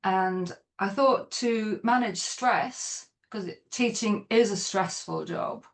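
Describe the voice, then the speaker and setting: A woman's voice: medium pitch, slow. A middle-aged woman with a Dublin accent, chatting as a podcast guest, rambling with restarts. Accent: Irish, Dublin. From Ireland. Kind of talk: podcast interview.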